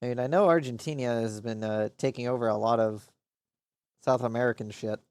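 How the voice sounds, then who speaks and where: A man's voice: mid-range voice, fairly even intonation, a little fast, darkish tone, no room sound. A man casually commenting on his strategy game during a live stream, rambling and muttering to himself with frequent swearing.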